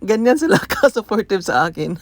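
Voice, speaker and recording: A man's voice: sits high, sing-song, a little fast, no echo. A man from the Philippines telling a casual vlog story, switching between Tagalog and English and often laughing as he talks. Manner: chatty, laughs often through his stories. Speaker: vlogger.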